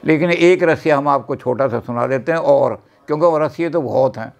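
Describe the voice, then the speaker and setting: A man, a guest folk music expert, explaining Holi folk songs in an interview in quick, flowing speech. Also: on the high side, gravelly.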